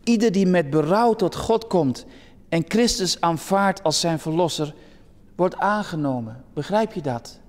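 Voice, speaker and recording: A man reads the lines of a gentle, persuasive missionary in a story told from the pulpit. The voice is earnest and pleading and sits a bit high. It echoes through a large reverberant hall. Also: lively intonation, a little slow. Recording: long church reverb.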